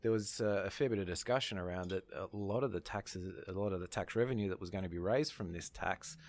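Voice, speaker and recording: An Australian man in an informal radio discussion of current affairs, speaking in a halting, hesitant way. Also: low-pitched, a little mellow. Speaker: radio panellist.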